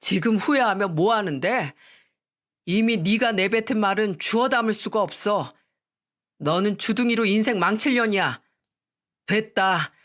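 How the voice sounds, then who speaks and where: A woman's voice: mid-range voice, unhurried, fairly bright tone, natural voice. A blunt, scornful divorced man snaps short rebukes, voiced by a woman reading the story. The delivery stays curt and contemptuous, a radio-story scolding.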